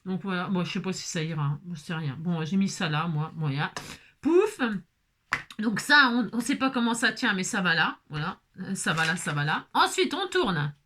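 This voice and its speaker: A woman's voice: on the low side, sing-song, normal speed, a bit bright, a little hiss or hum. A woman vlogging casually as she assembles a craft kit, chatting to viewers, exclaiming and muttering to herself when pieces go wrong.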